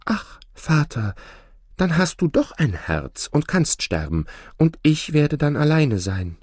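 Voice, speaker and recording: Man doing a soft-voiced young bride. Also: on the high side, huge pitch swings, unhurried, vocal fry, husky, no room sound, clean studio sound, pitched above the performer's own voice, full character voice. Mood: gentle. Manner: raised, soft, gentle. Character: young sorrowful bride, gentle and kind.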